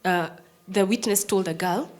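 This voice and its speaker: A Kenyan English-accented woman in her thirties, a prosecutor, tells a personal story to an audience in a strong, firm voice. She moves between hushed, almost whispered lines and loud, emphatic ones, speaking at a mid-range pitch and normal speed.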